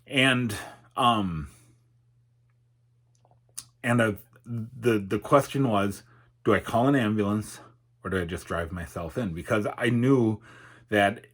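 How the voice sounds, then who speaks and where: In an unscripted personal vlog, a middle-aged man who runs a YouTube channel and a podcast talks candidly in a lowish, slightly bright voice. His delivery is halting, reflective, and hesitant. A numb face alters his articulation a little.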